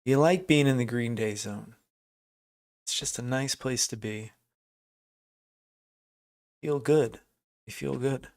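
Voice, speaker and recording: A man's voice: mid-range voice, takes it slowly, pauses often, a little mellow. A man commenting casually on a live trading stream, thinking aloud and answering chat viewers. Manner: thinking aloud, chatty, restarts, reads out chat names. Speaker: livestream day trader.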